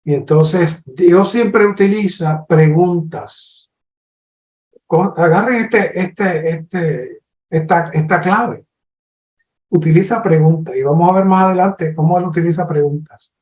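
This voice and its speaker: A high-pitched man with a Colombian Spanish accent preaches a sermon in a roomy-sounding space. He teaches slowly and earnestly, acting out questions with lively energy.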